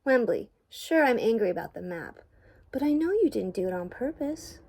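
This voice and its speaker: A brave, loyal young male Fraggle speaks in a slightly lifted, firm voice, as an older woman acts him out. He settles into kindly, forgiving tones that carry a gravelly rasp. The setting is a cozy storybook read-aloud. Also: on the high side, sing-song, moderate pace. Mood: gentle. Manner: firm then gentle, forgiving.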